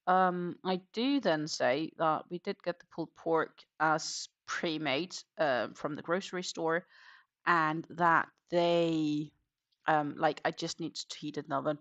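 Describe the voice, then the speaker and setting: A crochet livestream host rambles casually, full of ums, muttering stitch counts half to herself while working. Her voice is low and a bit bright. The recording is dry, with the highs cut off.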